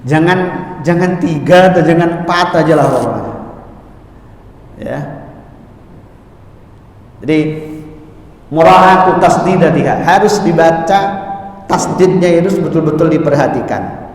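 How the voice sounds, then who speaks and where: Man, religious lesson, high-pitched, slow chanted recitation, boomy mosque reverb. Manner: alternates plain teaching with slow melodic chanting. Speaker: mosque teacher of Quran recitation. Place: large mosque hall. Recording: echoey mosque hall, mic far off.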